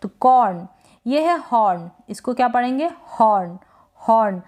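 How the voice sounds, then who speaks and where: Teacher: woman, slightly high voice, slow and patient, stretches out each word. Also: lively intonation, a little mellow. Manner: drawn-out demonstrations of each word; asks and answers her own questions. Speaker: English teacher. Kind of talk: slow spoken lesson.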